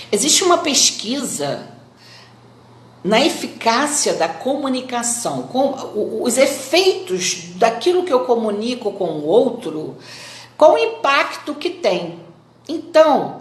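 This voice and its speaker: A woman from Brazil, a speaker, giving a live talk in an expressive, didactic manner. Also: mid-range voice. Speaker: psychologist and speaker. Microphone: phone. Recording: roomy echo.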